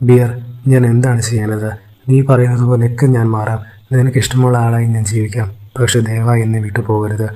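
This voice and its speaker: A man's voice: medium pitch, little pitch movement, a little fast, mellow, close to an everyday voice, low-quality recording. A man voicing a desperate, unstable young woman who pleads in a storytelling recap. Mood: pleading.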